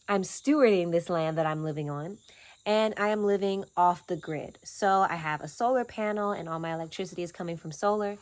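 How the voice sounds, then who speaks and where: A woman in her twenties from Atlanta talks in a casual, earnest, reflective vlog about the off-grid cabin where she lives, speaking in short, unhurried phrases. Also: lowish voice. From Atlanta, Georgia, USA. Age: 20s. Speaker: vlogger and land steward. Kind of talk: casual personal vlog talk.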